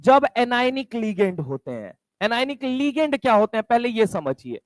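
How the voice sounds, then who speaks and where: A male chemistry teacher gives a classroom lecture in a very high-pitched, sing-song voice at a moderate pace. He asks and answers his own questions, repeats key terms, and calls listeners "my brother." The sound is dry, with no echo.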